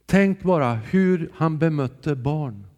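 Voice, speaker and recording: A man giving a sermon in a church, earnest and calm, sometimes dropping soft and sometimes raising his voice. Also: a little high, muffled recording. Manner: calm, earnest, shifting between soft and raised voice. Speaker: preacher. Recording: long hall reverb from a church.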